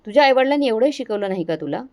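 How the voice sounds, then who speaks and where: Lady doing a mean bossy mother-in-law, taunting, warm low tone. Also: lively intonation, rapid-fire, lightly acted. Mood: scornful. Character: harsh scolding middle-aged mother-in-law.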